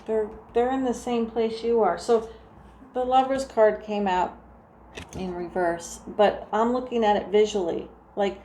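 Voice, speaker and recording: A woman with a New Jersey accent talks through a tarot reading in a mellow, dark-toned voice. She meanders with frequent restarts and fillers. The room is echoey, with a faint ambient hum behind her. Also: medium pitch, steady tone, measured pace. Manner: soft, meandering, full of restarts and "like". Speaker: tarot reader. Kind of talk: casual tarot reading to camera.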